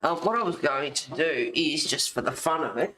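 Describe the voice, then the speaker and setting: A middle-aged woman with a smoker's rasp chats in a loose, rambling way. She sounds like a casual host talking to her viewers, giggly and informal. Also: low voice, expressive, moderate pace, bright, forceful tone, a little hiss or hum, poor audio. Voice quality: raspy smoker's voice with a cough. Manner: rambling, giggly, reading aloud and replying to viewers. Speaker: host of a colouring video. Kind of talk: casual chat to live viewers.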